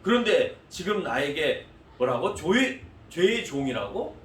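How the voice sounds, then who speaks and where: Pastor acting out an insulted man, raised and protesting, with a slightly high voice and some faint noise in the background. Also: very animated, measured pace. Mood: indignant. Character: proud indignant man rejecting an accusation. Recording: echoey room heard from a distance.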